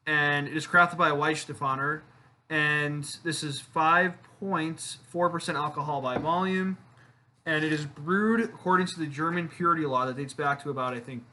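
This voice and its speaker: A man's voice: a little high, bright, forceful tone. A man hosting his own beer review channel, chatting casually to the camera with fillers and self-deprecating asides.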